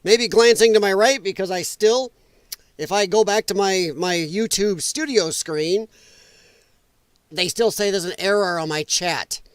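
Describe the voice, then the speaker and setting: On a casual late-night livestream from a room at home with animals nearby, a male host rambles and jokes at his own expense while chatting with viewers. His high voice is slightly rough, with occasional coughing, at a measured pace. The recording is dry.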